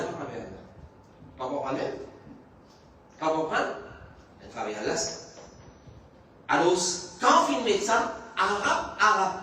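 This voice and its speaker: Mauritian male religious teacher, high voice, repetitive letter-by-letter explaining, faint room noise. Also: bright, forceful tone. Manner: repetitive, explains letter by letter, switches into Arabic recitation. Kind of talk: mosque class lecture. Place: mosque hall. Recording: echoey distant room recording.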